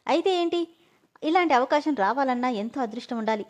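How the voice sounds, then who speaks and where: A woman voicing a cheeky young woman friend who talks in a teasing, lively way. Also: high voice, fairly quick. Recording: dull lo-fi audio.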